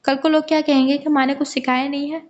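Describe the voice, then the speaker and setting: A woman's voice: high-pitched, level tone, fast talker, a little mellow, highs cut off, natural voice. A woman voicing a playful, eager young wife and mother. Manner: eager, coaxing.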